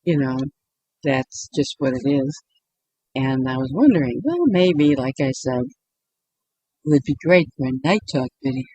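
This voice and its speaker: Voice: mid-range voice, animated, unhurried, pauses often, darkish tone, husky, no room sound, poor audio. A YouTuber giving a casual late-night monologue meant to help people sleep, rambling with frequent restarts and often breaking into giggles.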